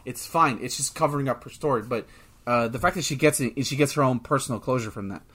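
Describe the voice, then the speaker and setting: Excitable rambling man, bright voice. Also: medium pitch, fast, slightly rough. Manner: rambling, excitable, swears often. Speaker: podcast co-host. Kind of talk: casual chat.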